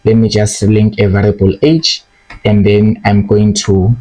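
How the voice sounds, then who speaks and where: A man's voice: lowish voice, little pitch movement, measured pace, a little mellow, poor audio. A young man teaching a programming lesson, explaining step by step and checking in with "okay?" and "right?". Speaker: programming tutor. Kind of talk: screen-recorded coding lesson.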